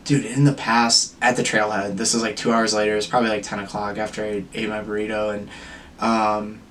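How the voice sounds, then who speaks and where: A man's voice: lowish voice, flat delivery, fairly quick, fairly bright tone, recorded from a distance, slight background noise. A young man telling a rambling personal story to the camera, constantly saying "like" and "dude". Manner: filler-heavy, says like and dude constantly. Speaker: vlogger.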